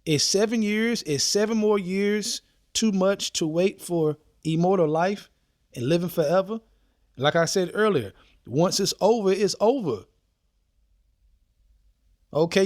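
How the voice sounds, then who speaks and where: A man's voice: sits high, no echo, studio quality. A man preaching an informal, urgent sermon, reading scripture aloud and peppering his talk with "okay" and "man". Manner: urgent, repetitive, street slang with frequent "okay" and "man".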